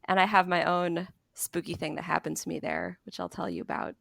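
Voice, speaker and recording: Podcast host, woman, gravelly tone, dry close sound, casual storyteller. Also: on the low side, brisk, no echo. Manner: laughs often, relaxed telling. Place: bedroom at her parents' apartment.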